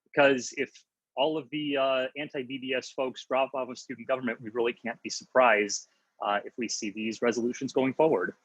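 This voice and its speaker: A man's voice: mid-range voice, fairly even intonation, normal speed, slightly rough, no room sound. A man speaking as a lawyer on a panel discussion, earnest and advocating, over a video call. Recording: dull, dry lo-fi audio.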